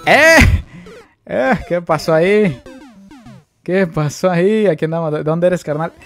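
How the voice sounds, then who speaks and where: Faint game music runs under a live gameplay stream where a young Mexican Spanish-accented man comments at a measured pace. His voice sits slightly high; he talks casually, says hello to his viewers, and breaks out in excited exclamations.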